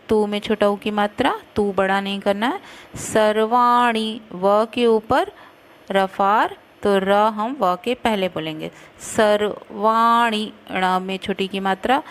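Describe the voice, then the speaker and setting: A woman teaching scripture recitation. She chants each verse slowly and carefully, then breaks it down syllable by syllable and explains it quickly. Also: mid-range voice. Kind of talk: slow recitation with pronunciation teaching.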